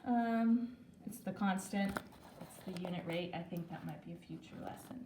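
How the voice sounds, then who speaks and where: A woman's voice: lowish voice, moderate pace, dark tone, slight background noise. A woman teacher walking students through math problems in a recorded video lesson, chatty and correcting herself as she writes. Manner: chatty, talks while writing, self-corrects. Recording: echoey room, voice a bit far from mic.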